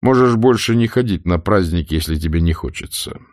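A low, drawling voice with a mocking ease, as a man reads him in an audiobook. He talks of people with light scorn. The recording is dry and close. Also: animated, fairly quick, a little mellow, no echo. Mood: wry. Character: wry, drawling grown man. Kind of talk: audiobook character voice.

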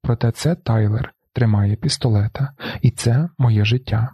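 A man reading a novel aloud in the first person, with a flat, brooding delivery. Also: medium pitch, a little slow, breathy edge, no echo, highs cut off. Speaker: audiobook narrator.

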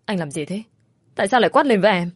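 A woman's voice: medium pitch, animated, quick pace, slightly rough, no room sound. A woman voicing a whiny, pleading young mistress.

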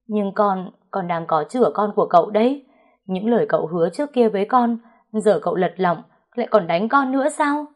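A woman's voice: lively intonation, a little fast, close to an everyday voice. A woman playing a pleading young servant girl. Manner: high, pleading and tearful.

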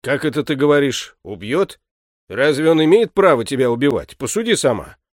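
A man doing a gruff, curt butler. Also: mid-range voice, big pitch swings, brisk, dry recording, studio quality, pitched above the performer's own voice, close to an everyday voice. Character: stern weary male household butler. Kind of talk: audiobook character reading.

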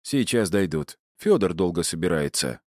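A man's voice: sits low, expressive, moderate pace, a little mellow, no echo, clean studio sound. A male audiobook narrator voicing a cheerful young man who laughs easily and teases. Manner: laughing, teasing.

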